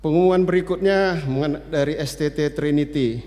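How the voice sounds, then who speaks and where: A man's voice: on the high side, normal speed. Older man giving announcements in an echoing hall. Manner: relaxed, chatty, many hesitant fillers. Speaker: church service announcer. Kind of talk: church announcements. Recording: long reverb of a church hall.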